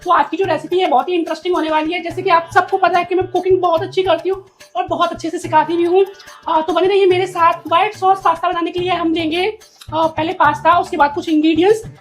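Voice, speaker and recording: A woman's voice: very high-pitched, steady tone, quick pace. A woman playing a chirpy young granddaughter who hosts her own cooking vlog, chattering in a bubbly vlog style. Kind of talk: comedy sketch acting.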